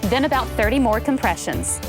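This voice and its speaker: A woman giving scripted CPR instruction, calm and clear, coaching step by step. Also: fairly high pitch, fairly quick, music in the background.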